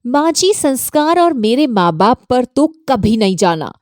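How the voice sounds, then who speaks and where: Woman doing a shrill bossy young daughter-in-law. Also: big pitch swings, measured pace, darkish tone, no room sound, clean studio sound. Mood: scolding. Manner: shrill, defiant and scolding.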